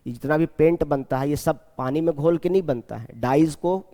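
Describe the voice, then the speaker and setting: A man teaching a chemistry class, repeating key terms slowly and asking his students questions as he goes. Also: on the high side, warm tone, long reverb tail. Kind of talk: classroom lecture.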